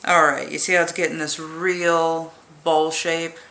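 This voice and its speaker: A woman giving a casual crochet tutorial with self-deprecating asides, with sharp sibilant S's and a faint whistle from her nose. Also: deep voice, level tone, unhurried. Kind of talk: casual hands-on tutorial chat.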